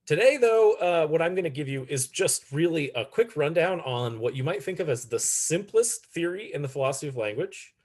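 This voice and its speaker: A man teaching a philosophy lecture in a relaxed, chatty way, with many fillers and restarts. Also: on the high side, normal speed, hardly any pauses. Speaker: philosophy instructor. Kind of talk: recorded online lecture.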